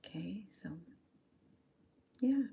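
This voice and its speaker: Cooking in her home kitchen, a middle-aged Cambodian woman with a Cambodian accent livestreams and chats casually, answering viewer comments and laughing often. Her medium-pitched voice is gravelly, mellow and husky, with lively intonation at an extremely slow pace.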